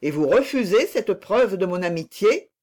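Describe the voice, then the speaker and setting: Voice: medium pitch, animated, normal speed, a little mellow, natural voice. A reader voicing a nobleman torn by love, speaking in a breathless, exclamatory way. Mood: overwhelmed.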